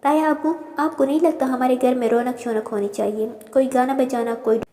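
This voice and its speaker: A woman's voice: high voice, fairly even intonation, moderate pace, warm tone, lightly acted. Woman voicing a cheeky bubbly young girl. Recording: roomy reverb.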